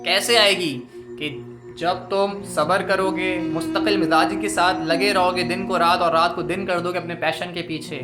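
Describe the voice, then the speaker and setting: Earnest man over loud music. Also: high-pitched, fairly even intonation, moderate pace. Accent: Pakistani Urdu. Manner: earnest, emphatic, mixing English phrases into his talk. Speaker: Islamic speaker addressing his students. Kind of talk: motivational religious talk.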